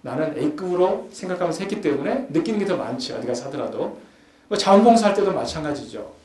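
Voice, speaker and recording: A man's voice: fairly high pitch, big pitch swings, a little fast, a little mellow. Man lecturing in an echoey hall. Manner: chatty, acts out everyday scenes with rising emphasis. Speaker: forum lecturer. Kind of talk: conversational lecture. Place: lecture hall at a youth forum. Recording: echoey hall with faint background hum.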